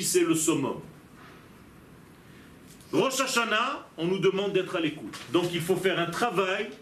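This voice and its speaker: A man's voice: sits high, fairly bright tone, a little hiss or hum. A man teaching a religious lesson as a rabbi, emphatic and posing rhetorical questions to his listeners. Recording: echoey room.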